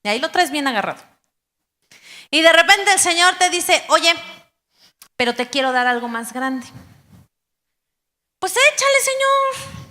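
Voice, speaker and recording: A woman pastor delivers a lively sermon from the pulpit, slipping into quoted voices of believers. Her voice sits high and bright. The live church recording carries a long hall reverb. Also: moderate pace, long pauses. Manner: animated preaching, acting out quoted voices of believers.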